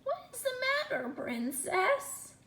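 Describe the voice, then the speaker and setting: A woman's voice: very high voice, sing-song, slow, creaky, a bit bright, roomy sound, pitched above the performer's own voice, full character voice. A woman voicing a timid, lonely male frog with a scratchy voice in a storybook read-aloud. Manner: timid, pleading.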